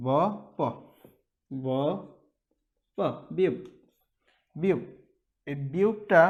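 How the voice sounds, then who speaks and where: Slow, repetitive male language teacher. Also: on the high side. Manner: drills each letter sound over and over, checks in with "okay?". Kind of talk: slow, repetitive Korean alphabet lesson.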